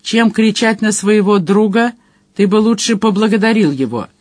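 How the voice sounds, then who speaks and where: A reader voicing an old, learned male turtle wizard who speaks in a dry, measured, reproving way in an audiobook. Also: mid-range voice, a little mellow, no echo, natural voice. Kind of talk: audiobook character voice.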